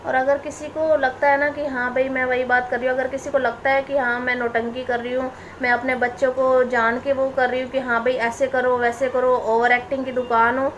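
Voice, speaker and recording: A woman's voice: high voice, level tone, brisk, few pauses, a little hiss or hum. A woman in her thirties vlogging straight to camera, indignant and defensive, repeating her points as she answers critics. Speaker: family vlogger. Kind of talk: direct-to-camera vlog rant.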